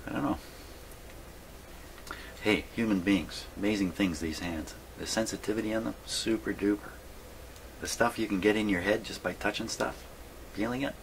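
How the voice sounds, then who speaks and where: This vlog features a man repairing vintage radios as a hobby in his indoor workshop, rambling folksily as he thinks aloud and casually narrates the hands-on work. He has a fairly low pitch, speaks at normal speed and pauses often. The recording is low quality, with clear background noise.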